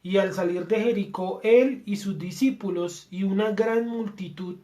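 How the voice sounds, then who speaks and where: A woman with a Colombian accent, a participant in a Bible class, reading scripture aloud quickly and calling out the verse numbers. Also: medium pitch, mellow. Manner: reads quickly and plainly, announcing verse numbers.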